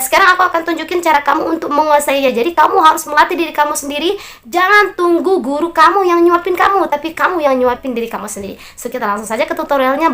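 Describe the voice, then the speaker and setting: Female English teacher, Indonesian accent, high voice, encouraging, models each word slowly. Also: a bit bright. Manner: slow, drawn-out model pronunciations; friendly and encouraging, addresses learners directly. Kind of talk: online English lesson for beginners.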